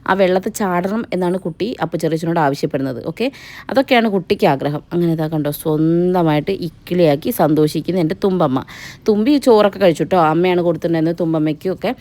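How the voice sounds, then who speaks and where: A young woman from Kerala, a family vlogger, narrates a family wedding vlog in a chatty, teasing voice-over aimed straight at viewers, recorded on a voice-over mic. She speaks fast, with a fairly low pitch and a warm tone.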